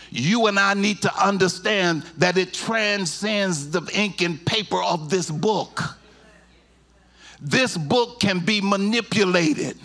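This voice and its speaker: A middle-aged pastor preaches in a church sanctuary, holding a handheld mic. He shifts from slow, low teaching to shouted, half-sung climaxes.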